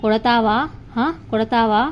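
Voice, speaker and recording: A woman's voice: a little high, completely flat delivery, unhurried, clear, resonant tone, natural voice. A woman voicing an arrogant rich young woman who bullies and threatens a junior student, in a taunting, sneering manner.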